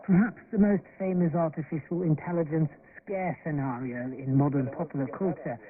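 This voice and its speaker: This scripted feature report is narrated by a male radio reporter whose voice sits on the high side, at a normal speed. Crowd noise can be heard, and the shortwave broadcast sounds tinny and hissy.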